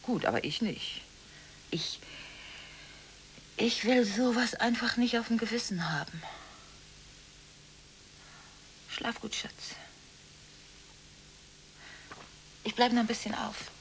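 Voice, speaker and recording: On a hissy, poor-quality recording of a 1980s German radio drama, an actress with a fairly high voice portrays a distraught, emotionally torn daughter phoning late at night. Weary and defensive, she speaks haltingly, stammers, pleads and often sinks to a whisper.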